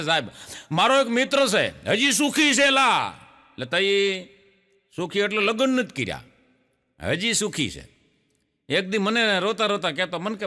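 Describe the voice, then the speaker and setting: Male stand-up, high animated voice, acts out every quote, reverberant hall. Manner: lively storytelling, acting out characters' quoted lines. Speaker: stand-up comedian. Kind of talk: Gujarati joke telling to an audience. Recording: long hall reverb, stage show.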